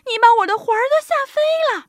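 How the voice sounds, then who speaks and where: Woman putting on a shrill little old lady. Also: very animated, a little slow, sharp tone, no room sound, clean studio sound, heavily acted. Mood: startled. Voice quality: shrill, high.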